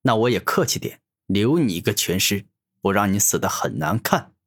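A man voicing a cocky young male hero who taunts his enemy, with a husky voice. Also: lowish voice, lively intonation, normal speed. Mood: mocking. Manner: taunting, sneering.

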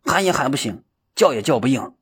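A man voicing Shanzi, an excitable and easily frightened young male villager who stammers and exclaims, in a storybook reading. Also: medium pitch, brisk, husky, exaggerated voice. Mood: exasperated.

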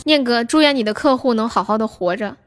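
A woman's voice: a little high, quick pace, soft background music. A young woman hosting a casual livestream, chatting with viewers, laughing often and reading out their names. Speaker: livestream host.

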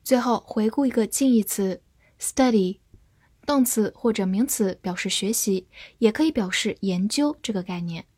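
A woman giving a scripted English vocabulary lesson, spelling words letter by letter and reading example sentences slowly and carefully. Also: mid-range voice, mellow, slightly rough, no echo, clean studio sound. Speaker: English teacher.

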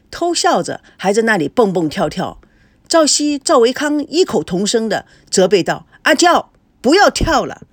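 A woman's voice: mid-range voice, no room sound. A woman narrating a romance novel as an audiobook, voicing each character in turn. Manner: expressive, voices each character.

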